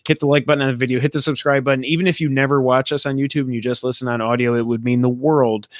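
A man's voice: mid-range voice, steady tone, rapid-fire, dry recording, studio quality. Upbeat podcast host losing his voice. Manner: plugging links, upbeat, repeats "obviously". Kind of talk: casual podcast sign-off.

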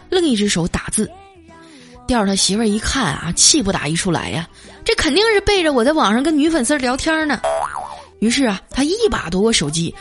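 Chatty woman telling comic stories. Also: mid-range voice. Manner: chatty, drawn-out particles. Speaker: streamer. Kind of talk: comic storytelling.

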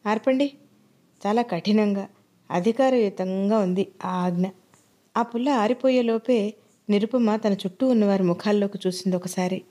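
Woman narrator, mellow dark tone, measured dramatic storytelling, audiobook reading. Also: mid-range voice. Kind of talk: scripted narration.

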